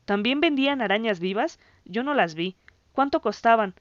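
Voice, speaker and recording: A woman's voice: fairly high pitch, animated, moderate pace, no room sound, dull audio, natural voice. Woman doing a jittery stammering boy. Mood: amazed. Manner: stammering, shouting insults. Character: excitable boy friend, jittery and loud.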